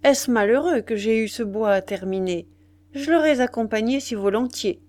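A woman's voice: on the high side, moderate pace, a little mellow, no room sound, lightly acted. A woman reading the lines of a regretful young man in an audiobook.

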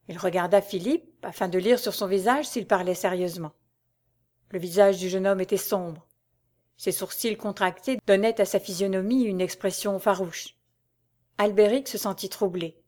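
A woman's voice: medium pitch, normal speed, a little mellow. Woman narrating a dramatic novel. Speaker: audiobook narrator.

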